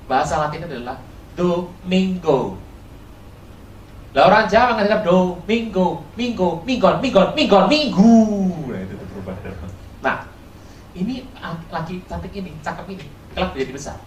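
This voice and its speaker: A pastor preaching a sermon, quizzing the congregation and swinging between loud high bursts and quiet low asides. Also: slight background noise. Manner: animated, keeps quizzing the congregation. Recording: echoey hall from far off, faint ambience.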